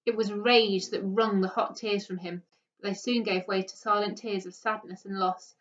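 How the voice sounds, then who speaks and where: Lady reading a story out loud expressively, bit muffled and far from the mic. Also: mid-range voice, fairly even intonation, moderate pace. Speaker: teacher reading a story aloud. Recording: dull, distant microphone.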